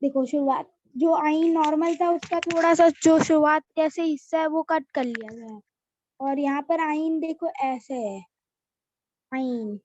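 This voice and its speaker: A woman's voice: high-pitched, unhurried, darkish tone, no echo, dull audio. A woman teaching a children's alphabet lesson, patiently repeating each letter name as she explains.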